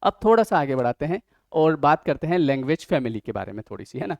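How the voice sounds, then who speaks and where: A man's voice: fairly high pitch, sing-song, fast talker, vocal fry, no echo. Indian man teaching an exam-prep lesson. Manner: explains step by step, keeps checking if students follow.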